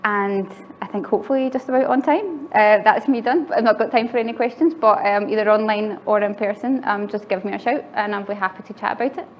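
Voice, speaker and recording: Presenting a tech talk to a live conference audience, a woman keeps things chatty and laughs lightly between phrases. She speaks fairly quickly in a mid-range voice, barely pausing. The recording is a bit muffled, with faint noise behind it.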